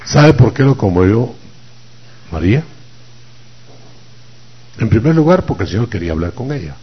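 A man preaching a sermon, dramatic, acting out voices and swinging from loud to whispered, in what sounds like a church. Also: lowish voice, very animated, moderate pace, a little hiss or hum. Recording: dull lo-fi recording.

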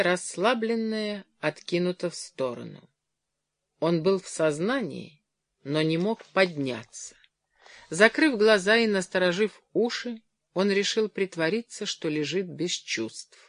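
An audiobook narrator reading a story in an even storytelling manner. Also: medium pitch, dry recording, studio quality.

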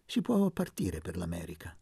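A man reading plays a shy young student from the countryside who speaks quietly and timidly. The voice is husky with a gravelly texture, close and dry. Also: deep voice, wildly swooping pitch, normal speed, no echo, pitched below the performer's own voice, full character voice. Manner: timid, soft-spoken.

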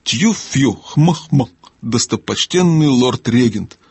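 A man voicing a fussy, excitable female owl in an audiobook, hooting slowly and speaking in rhymes. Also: medium pitch, slightly rough, no room sound, heavily acted. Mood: anxious. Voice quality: soft but loud hooting voice. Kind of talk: audiobook character voice.

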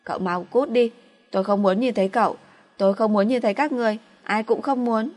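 A sulky, tipsy young woman whines and pleads in a slurred voice, put on by a woman narrating an audiobook. The voice rides a little higher than the reader's own low tone. She stays spoiled and tearful throughout. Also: a little fast, a little mellow, natural voice. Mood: drunk, defiant.

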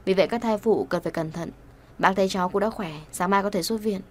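A woman reading the part of a middle-aged male doctor in an audio storybook, speaking in a calm, measured, matter-of-fact way. The voice sits at an ordinary middle pitch. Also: lightly acted.

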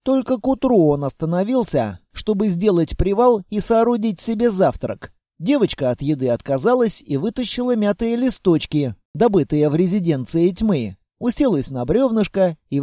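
A man narrating an audiobook in a lively, playful storytelling manner. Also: sits high, moderate pace, few pauses, no echo, clean studio sound.

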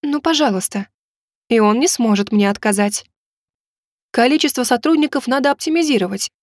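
A woman's voice: a little high, brisk, no echo, clean studio sound. A young woman narrating a first-person audiobook in a wry, ironic way.

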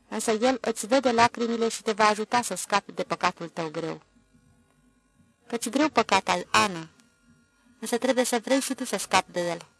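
A stern village priest hearing confession in an audiobook, as the reader puts him on, probing and gently scolding in a gravelly voice. He keeps his questions close and measured. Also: medium pitch, natural voice, rough recording. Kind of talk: audiobook character voice.

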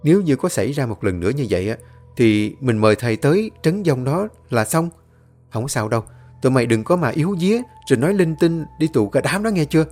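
A man voicing a bossy teenage schoolgirl who leads her friends in a brisk, firm tone. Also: on the high side, husky, faint music behind, pitched above the performer's own voice. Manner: forcing calm, then bossy and brisk.

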